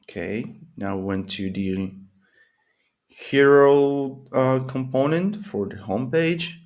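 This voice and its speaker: This man in his thirties has a medium-pitched, darkish voice with lively intonation, and he takes his time. A coding vlogger who speaks English as a second language after Portuguese or Spanish, he thinks aloud at his home-office desk during casual screen-recorded coding, full of fillers and restarts.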